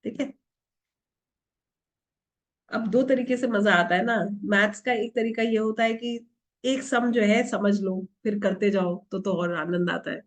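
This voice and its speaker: A woman's voice: medium pitch, measured pace, long pauses. A middle-aged woman teaching an online tarot workshop, asking the class questions and answering them herself, with English words mixed into her Hindi. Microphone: video call.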